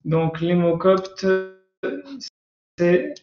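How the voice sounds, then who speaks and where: Man teaching, high voice, roomy lo-fi sound. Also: extremely slow, over music. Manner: patient, hesitant, many fillers and restarts. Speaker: Coptic language teacher. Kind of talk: recorded grammar lesson.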